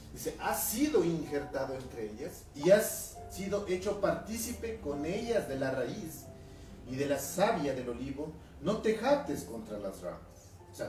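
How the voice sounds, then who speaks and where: A male pastor from Ecuador with a highland Ecuadorian accent, preaching a conversational sermon, reading scripture aloud and often asking his listeners questions. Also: dark tone. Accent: Ecuadorian highland Spanish. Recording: echoey room from a distance, music behind.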